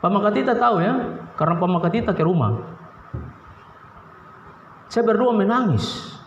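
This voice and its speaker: A male pastor with a Papuan Indonesian accent preaching a sermon, swinging from low pleading to sharp high outbursts, recorded in a church hall. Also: very animated, moderate pace, slight background noise. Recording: roomy, dull, reverberant church recording.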